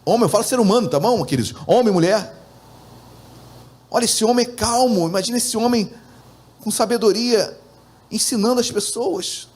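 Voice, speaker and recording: A male pastor with a notably high speaking voice delivers a sermon. He addresses the congregation directly with frequent asides and changes his tone to act out the voices in the passages he quotes. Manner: acts out quoted dialogue with shifted intonation.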